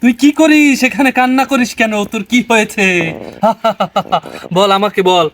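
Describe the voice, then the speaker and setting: A bossy water spirit rising from a well, played by a man, rattles off orders in a quick, high voice. He talks. There is faint noise behind him. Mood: brusque. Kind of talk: comic folk-tale acting.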